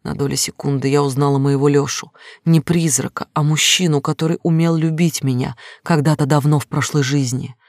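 A man's voice: a little high, fairly even intonation, fairly quick, few pauses, darkish tone, dry recording, studio quality. A man narrating an audiobook in an emotional, intense reading style. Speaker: audiobook reader.

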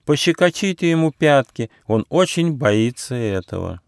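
A man voicing a wounded, wise old female turtle in a storybook, speaking slowly. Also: medium pitch, big pitch swings, creaky, no echo, clean studio sound, voice pushed up. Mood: urgent.

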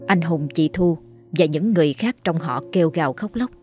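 A woman narrating a horror story in a steady, even storytelling voice. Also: deep voice, a little fast. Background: faint music.

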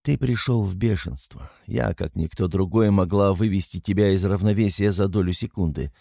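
A man narrating a dramatic story in a steady, measured way. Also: sits low, creaky, dry recording, studio quality. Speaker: audiobook narrator.

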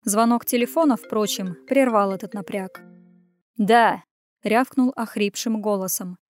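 A woman reading a first-person audiobook as a male hero, in a gruff, sardonic way. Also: mid-range voice, normal speed, a little mellow, soft background music. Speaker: audiobook narrator. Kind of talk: scripted first-person narration.

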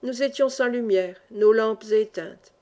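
A woman reading a classic novel aloud as an audiobook. Her delivery is expressive and dramatic. Her voice sits fairly high. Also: unhurried. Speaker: audiobook narrator. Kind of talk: scripted narration of a classic novel.

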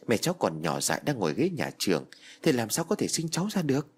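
A man's voice: mid-range voice, wildly swooping pitch, fast talker, husky. A man voicing a remorseful grandmother pleading with her ghost grandchild in a spoken ghost story. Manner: apologetic, pleading. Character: remorseful grandmother, begging forgiveness.

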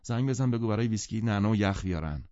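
A man's voice: fairly low pitch, expressive, dark tone, no room sound, natural voice. A male audiobook narrator voicing a restless, spoiled young woman who complains, in a dry, muffled recording. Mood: petulant. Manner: petulant and complaining. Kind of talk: audiobook character voice.

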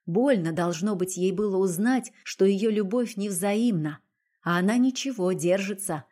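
A woman narrating a novel in the first person with an even, expressive reading. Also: mid-range voice, moderate pace. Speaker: audiobook reader.

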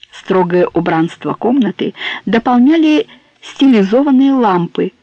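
A woman narrating a novel aloud in a measured, even reading. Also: mid-range voice, dry recording. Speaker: audiobook narrator. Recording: dull, dry close recording.

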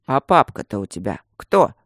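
A reader voicing an old, grumpy stone guardian who mumbles and grumbles loudly. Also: medium pitch, animated, unhurried, dry recording, studio quality, lightly acted. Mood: reproachful. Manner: mumbling, toothless, loud grumbling.

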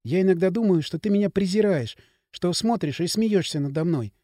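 A man's voice: high voice, animated, a little fast, mellow, no echo, clean studio sound. A man voicing a lonely young woman who speaks in a pleading, tearful way.

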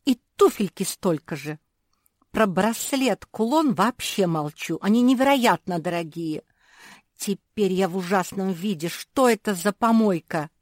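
A woman voicing a spoiled, snobbish little Labrador puppy girl in a storybook, with a shrill, haughty manner. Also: lively intonation, unhurried, no room sound, studio quality. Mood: whining.

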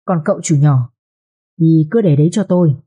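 A woman's voice: sits low, normal speed, dark tone, husky, muffled recording. A woman voicing a scheming second wife who speaks in a falsely sweet, coaxing voice in an audio story. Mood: commanding.

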